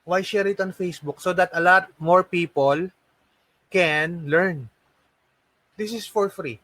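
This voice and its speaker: With no room sound and an unhurried delivery, a high-pitched man with a sharp tone leads a live online class. He is from the Philippines, speaks with a Filipino accent, and works as an English and call center trainer. He keeps learners motivated by repeating key points and asking rhetorical questions.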